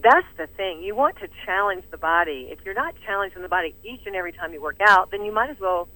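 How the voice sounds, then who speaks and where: A middle-aged woman speaks with a Southern US drawl, lively and enthusiastic about her subject. She laughs easily and the sound is close and dry, with no room around it. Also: medium pitch, fast, no room sound, rough recording. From American South. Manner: energetic, animated, laughs often. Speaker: fitness studio owner, interview guest. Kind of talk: enthusiastic interview talk.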